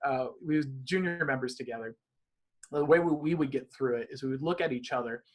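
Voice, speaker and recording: A man's voice: mid-range voice, fairly quick. A man being interviewed as a magician, talking animatedly in long, rambling runs of casual conversation. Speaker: magician guest.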